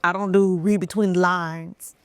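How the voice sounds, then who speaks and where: A woman co-hosting a podcast in casual chat, animated, acting out quoted exchanges and laughing often. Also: on the low side, moderate pace, clear, resonant tone, no room sound, clean studio sound. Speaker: podcast co-host.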